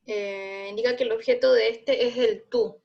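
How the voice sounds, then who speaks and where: A woman student answers a question in an online class, speaking hesitantly and pausing to check her notes. Her voice is fairly high and comes through a dull, lo-fi video call. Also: steady tone, gravelly, darkish tone.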